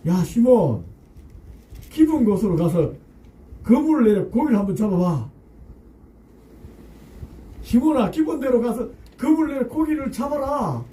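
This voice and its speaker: A man's voice: very high voice, very animated, measured pace, pauses often, mellow, reverberant, far from the mic, voice pushed up, full character voice, poor audio. A man playing an adult male teacher who gives a direct, commanding call.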